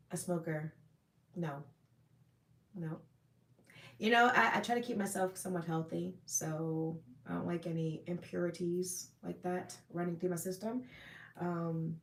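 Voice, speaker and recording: A livestream host with a low, gravelly voice chats casually with viewers, answering them in a friendly, rambling way. The room sounds echoey.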